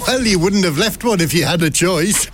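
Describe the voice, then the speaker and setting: An actor playing a blunt, deadpan waiter in a comic advert sketch. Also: male voice, high-pitched, moderate pace, background noise. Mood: deadpan, apologetic.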